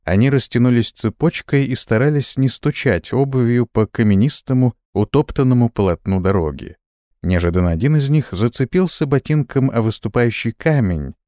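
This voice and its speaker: A man reading a fantasy audiobook aloud with expressive storytelling. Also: mid-range voice, dry recording, clean studio sound. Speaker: audiobook narrator.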